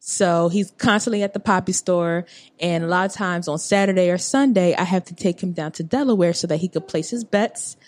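A woman's voice: fairly low pitch, fairly quick. A woman in her late twenties chatting casually on a podcast, rambling with lots of fillers and asides. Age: 20s. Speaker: podcast guest. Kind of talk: casual chat.

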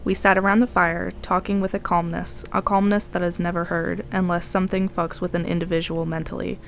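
A woman podcast host reading a horror story aloud, calm and even. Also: lowish voice, fairly quick, vocal fry, slight background noise.

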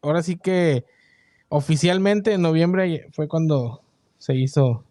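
A man's voice: on the high side, slow pace, dark tone, dry recording, studio quality. A Mexican man in a casual chat, explaining things and passing along viewers' requests.

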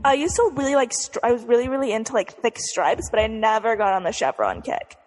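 Young woman, higher-pitched, bubbly sorority-girl chatter as a casual co-host, recorded with long echoey reverb. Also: expressive, brisk. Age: young adult. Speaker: podcast co-host. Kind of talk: casual chat.

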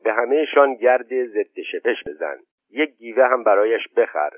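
A man voicing a calm, practical mother giving gentle instructions. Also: medium pitch, dry recording, lightly acted. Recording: tinny narrow-band, dry.

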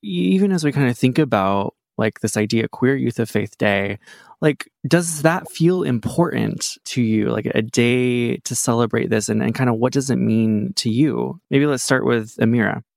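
Gravelly-voiced man hosting a panel. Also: mid-range voice, normal speed, darkish tone, dry recording, clean studio sound. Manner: casual, frequent "like" and "kinda". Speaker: podcast host.

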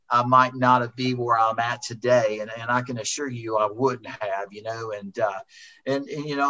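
A man's voice: medium pitch, bright, forceful tone. A middle-aged man, a racing driver, rambling and repeating himself as he remembers a friend in a heartfelt conversation. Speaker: racing driver, interview guest. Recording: dull lo-fi sound.

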